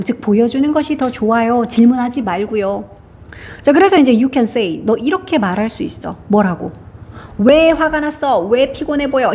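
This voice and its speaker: A woman's voice: fairly high pitch, a little mellow. A woman from Korea teaching an English exam passage, asking questions and answering them herself. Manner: explains grammar, asks and answers own questions. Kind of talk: lecture on exam reading passage.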